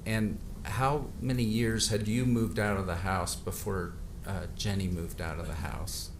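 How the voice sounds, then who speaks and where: A man cross-examining a witness, pressing with halting questions and fillers, heard in a courtroom recording. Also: fairly low pitch. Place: large courtroom. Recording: echoey courtroom audio with steady noise.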